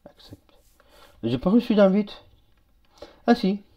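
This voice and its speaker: A man chats easily with fellow players during a live game stream. His voice sits a little high, and the audio comes through dull and lo-fi. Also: a little slow. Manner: relaxed, chatty, talks to other players and chat. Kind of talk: casual live-stream chat while playing.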